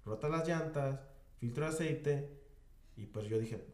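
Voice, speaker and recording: A man with a Mexican Spanish accent tells an anecdote on a podcast in a loose, slangy way. His voice is a touch nasal and sits at an ordinary middle pitch. The room around him sounds echoey. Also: a little slow. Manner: slangy, animated anecdote teller, peppers speech with "güey". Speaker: podcast host. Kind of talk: casual storytelling chat.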